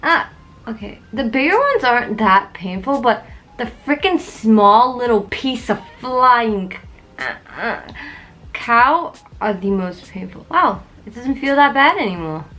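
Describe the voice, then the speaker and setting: Lively, chatty young woman vlogger. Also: a little high, a little slow. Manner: joking, rambling, yelps in pain. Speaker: beauty vlogger. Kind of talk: casual chatty tutorial. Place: at home in front of a mirror.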